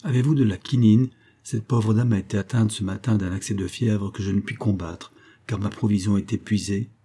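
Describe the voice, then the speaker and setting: A gray-bearded older priest, as a man reads him aloud asks for help in a measured and courteous way. His voice is low and dark, with a husky edge. He keeps an earnest, storybook calm. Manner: measured, polite, pleading.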